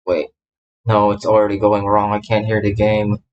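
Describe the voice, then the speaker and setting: Setting up a game on a livestream, a male gamer VTuber chats in a low-ish, monotone voice at a moderate pace. His talk is scattered, self-interrupting and repetitive, and the recording sounds muffled with a little hiss or hum.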